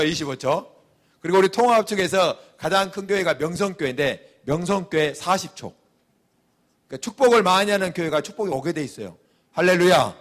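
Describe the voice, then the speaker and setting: A man preaching a sermon as a pastor, animated, acting out little quoted voices as he goes. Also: sits high.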